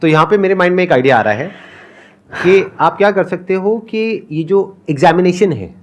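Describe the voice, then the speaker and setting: High-voiced male talk show host. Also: animated, moderate pace. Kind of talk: casual talk-show hosting.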